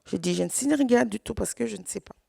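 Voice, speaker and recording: A woman from Congo whose first language is Swahili gives personal testimony as a survivor at a conference, halting often with repeated words and restarts. Her medium-pitched voice is gravelly and darkish with lively intonation, and there is no room sound.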